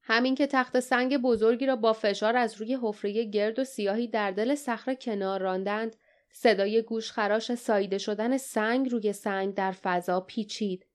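Woman, audiobook narrator, smooth and clear voice, steady reading pace. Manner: reads dialogue with raised pitch and energy.

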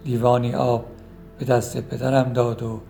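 Gravelly, flat-voiced man narrating a story. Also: medium pitch, faint music behind. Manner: calm, even storytelling. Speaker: author reading his own story. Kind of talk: literary first-person narration.

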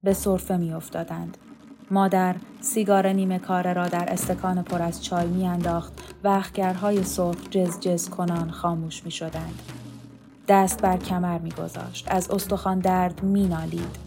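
A woman narrating a novel in a calm, measured literary reading. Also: lowish voice, creaky, background noise. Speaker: audiobook narrator.

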